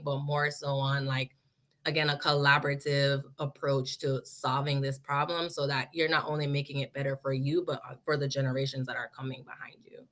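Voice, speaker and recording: A woman's voice: rumbling low, a bit bright. A woman graduate student speaking earnestly on a panel discussion over a video call. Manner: earnest, laughs while teasing.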